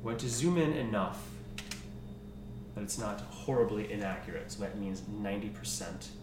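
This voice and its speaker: Low-voiced man narrating as game master. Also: normal speed, noisy background. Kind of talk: narrating a tabletop fantasy game. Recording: roomy, distant mic, music playing.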